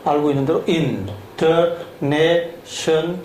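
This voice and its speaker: This English teacher speaks very slowly, his fairly high voice carrying a darkish tone. He breaks spelling down syllable by syllable and keeps asking the listener questions, recorded in an echoey room with a faint hum.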